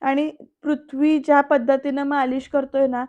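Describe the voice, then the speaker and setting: Animated woman recapping a serial. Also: sits high, normal speed, no room sound, lo-fi sound. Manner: animated retelling, acting out characters' lines with raised voice. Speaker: serial episode reviewer. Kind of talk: voice-over episode recap.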